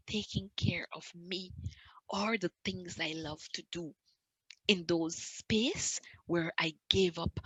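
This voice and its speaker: A woman giving a motivational wellness talk to an online audience. She repeats her points for emphasis and moves between loud urging and soft, almost whispered lines. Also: lowish voice, husky, no echo, poor audio. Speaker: wellness speaker.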